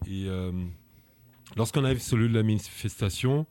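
A man from France, an activist guest, telling his story in an interview, halting and often restarting his words. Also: fairly low pitch, mellow. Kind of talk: personal testimony in an interview.

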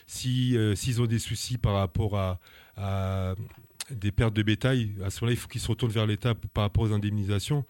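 Man, from France, activist guest, halting speech, repeats words, low voice. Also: fairly even intonation, darkish tone, no room sound. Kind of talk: personal testimony in an interview.

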